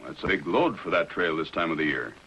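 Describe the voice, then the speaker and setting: Sergeant Preston, lively Mountie hero. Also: male voice, deep voice, a little fast, a little hiss or hum, full character voice. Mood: curious. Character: genial, steady Mountie sergeant of the Yukon. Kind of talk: 1950s television western acting. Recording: dull, lo-fi 1950s television soundtrack.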